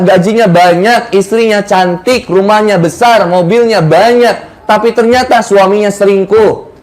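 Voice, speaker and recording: A male Islamic preacher with a Sundanese accent, giving a lively, joking sermon and addressing the women as Bunda. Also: sits high.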